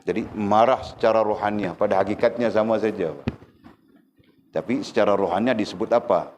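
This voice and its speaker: A man giving a religious lecture, animated and often checking his listeners with quick rhetorical questions. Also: on the low side, a little hiss or hum. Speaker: religious teacher.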